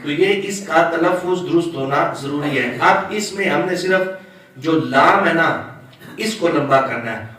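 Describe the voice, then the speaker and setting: A man's voice: on the high side, a bit bright, heavy reverb, distant mic, rough recording. A man teaching the rules of prayer as an Islamic scholar, explaining step by step and drawing out words to demonstrate them. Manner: explains slowly, draws out words when demonstrating; asks listeners questions. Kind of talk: religious lesson on prayer rules.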